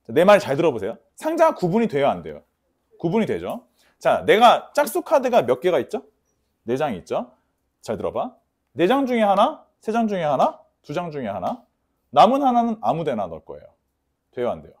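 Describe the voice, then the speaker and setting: Emphatic male math teacher, lively pitch. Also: fairly quick. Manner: emphatic, mixes polite speech with rough slang; repeats key warnings, asks students for confirmation. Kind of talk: lecture to students.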